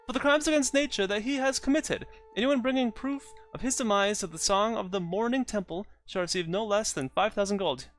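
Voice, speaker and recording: A man's voice: sits high, a little fast, few pauses, faint music behind, pitched above the performer's own voice, close to an everyday voice. A man voicing a formal male town crier who reads out a proclamation in a pompous manner. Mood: proclaiming.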